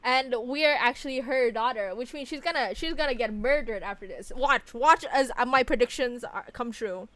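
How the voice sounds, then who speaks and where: A woman with an Indonesian accent giving playful, excitable, swearing commentary as a streamer playing a game. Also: on the high side, normal speed, few pauses, no echo.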